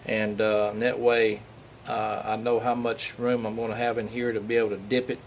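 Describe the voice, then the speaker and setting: A craftsman with a Southern US accent demonstrates duck call making at a lathe in his workshop, giving a casual, plain-spoken, hands-on tutorial. His fairly low voice stays level at a moderate pace, and the muffled recording carries loud machinery and workshop noise.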